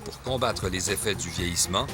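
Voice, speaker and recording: Low-voiced male news reporter over music. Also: a little fast. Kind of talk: scripted news narration.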